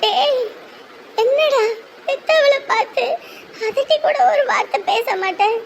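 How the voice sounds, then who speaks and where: A village mother, cartoon, lamenting and scolding, very high voice, faint hiss behind. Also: unhurried. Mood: pleading. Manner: lamenting, scolding, rural Tamil speech. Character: anxious thrifty village mother, fierce when scolding.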